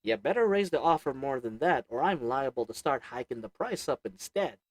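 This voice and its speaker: In an audio roleplay aimed at the listener, a performer voices a sly goblin potion merchant who haggles with wheedling, sarcastic sales patter and chuckles between lines. The voice is medium-pitched, expressive, and darkish at a normal speed, sounding close to an everyday voice. There's no echo.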